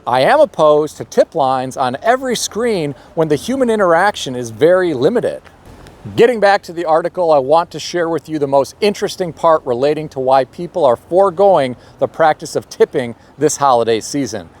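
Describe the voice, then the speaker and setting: A middle-aged man hosting a personal finance channel, reading scripted commentary in a measured, opinionated way with touches of sarcasm. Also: a little high, expressive, darkish tone. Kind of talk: scripted commentary read aloud.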